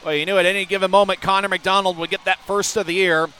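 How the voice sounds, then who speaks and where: Guy doing rapid hockey play-by-play, sharp forceful voice on the higher side, some background noise. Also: level tone. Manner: bursts into shouts on scoring chances.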